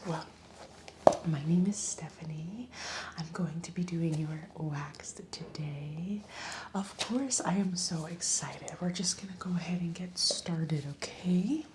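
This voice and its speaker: Slow, whispering woman doing ASMR. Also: fairly low pitch, noisy background. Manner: soft whisper, slow and soothing, chatty reassurance. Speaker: ASMR roleplay esthetician.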